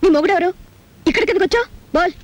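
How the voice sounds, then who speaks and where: An actress playing a headstrong, sharp-tongued unmarried young woman in an old film, with quick, bold retorts. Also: very high-pitched. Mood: defiant. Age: young adult. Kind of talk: old film drama dialogue. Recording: film soundtrack with music underneath.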